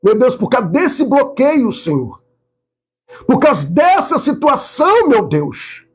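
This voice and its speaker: A man pastor pours out a live prayer in a husky, high-pitched voice. His pitch swings widely, and his slow, drawn-out pleas climb to fervent cries before sinking back to murmurs. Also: very animated. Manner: fervent pleading prayer, rises to high cries and drops to murmurs, speaks in tongues.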